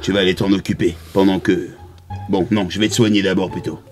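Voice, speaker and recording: A man's voice: low voice, fairly even intonation, brisk, faint music behind. A man chatting casually as a player in a tabletop role-playing game.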